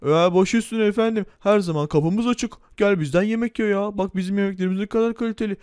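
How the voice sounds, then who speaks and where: A man's voice: sits high, fast talker, a little mellow, clean tone, no echo, clean studio sound, natural voice. A man playing a courteous, kind-hearted restaurant waiter in a game role-play. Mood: polite.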